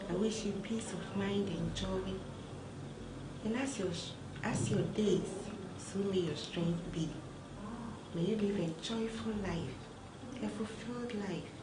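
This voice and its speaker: A woman offering an earnest, prayerful birthday blessing. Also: mid-range voice. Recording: echoey room with background noise.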